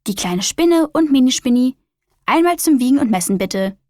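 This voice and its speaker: A woman voicing a kind female receptionist at a doctor's office in a children's story, gentle and explaining. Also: high-pitched, animated, normal speed, no echo, studio quality. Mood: friendly.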